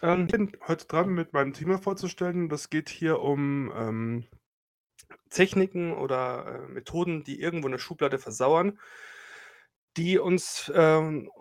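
A man's voice: on the high side, a little slow. A man in his late thirties from Germany, co-hosting a casual podcast chat and talking with many fillers and restarts. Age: late 30s. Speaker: podcast co-host.

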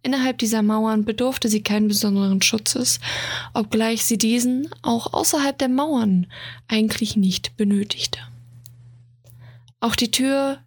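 A woman reads a romance story aloud in a slow, soft whisper. Her voice is husky and gravelly and sits fairly high. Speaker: narrator.

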